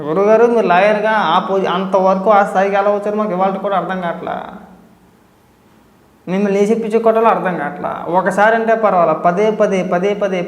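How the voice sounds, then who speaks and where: A man's voice: high-pitched, muffled recording. A man giving a scolding, sarcastic reaction commentary on a political clip, addressing the speaker directly. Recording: echoey room with long reverb.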